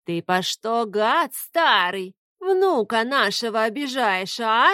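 A woman voicing a fierce, feisty old grandmother witch who scolds in a shrill voice. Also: expressive, slow, bright, forceful tone, dry recording, studio quality, exaggerated voice. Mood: scolding.

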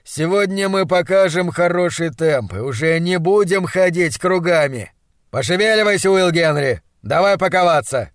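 A man voicing a brusque, excitable middle-aged scientist in an audiobook, speaking loudly and emphatically in a hoarse voice. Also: high-pitched, normal speed, no room sound, studio quality, voice pushed up. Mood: brisk, hectoring. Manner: loud, emphatic, hectoring. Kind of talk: audiobook character voice.

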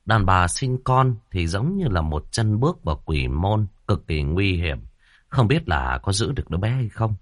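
A man narrating an audiobook story in a lively storytelling manner. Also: deep voice, normal speed, no room sound, studio quality.

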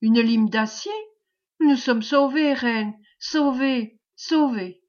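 A woman's voice: fairly high pitch, slow pace. A woman reading an audiobook, voicing a desperate young man imprisoned in a cell, with intense pleading outbursts. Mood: overjoyed. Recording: dull lo-fi recording.

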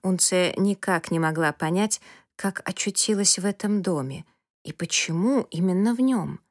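Calm woman reading a children's story. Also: lowish voice, moderate pace, no room sound, clean studio sound. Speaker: audiobook narrator. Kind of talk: scripted storybook narration.

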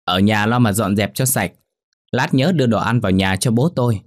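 Guy doing a snooty rich girl bossing the help, fast and sneering. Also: on the low side, no room sound, clean studio sound, natural voice. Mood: haughty. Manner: haughty, contemptuous, quick. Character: arrogant, spoiled young mistress.

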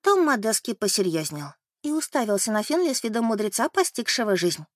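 A woman narrating an audiobook in an expressive, animated way. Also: on the high side, a little fast, no room sound, clean studio sound.

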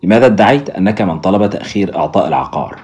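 A proud Zulu woman nurse speaks plainly and firmly, as a male narrator reads her lines. The voice stays low and moves fast. It is a storybook reading. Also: expressive, darkish tone. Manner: firm, frank replies.

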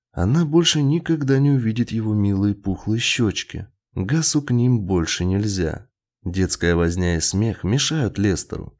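A man narrating a science fiction story in an expressive audiobook reading. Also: on the low side.

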